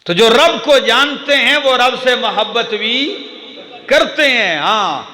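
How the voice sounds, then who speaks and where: A man's voice: very high-pitched, animated, pushed and bright. A man from Pakistan delivering a sermon as an Islamic preacher, in a melodic, chanting style with emphatic repeated lists. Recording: echoey hall with long reverb.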